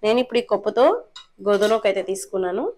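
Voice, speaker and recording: A woman's voice: mid-range voice, fairly even intonation, racing, a little mellow, a little hiss or hum. A woman casually narrating a home cooking vlog, chatting politely to her viewers as she cooks. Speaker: cooking vlogger. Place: home kitchen.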